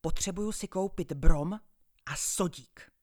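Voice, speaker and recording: A woman voicing an eager, cheeky boy who sells newspapers on a train, calling out loudly in a high, excited voice. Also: close to an everyday voice.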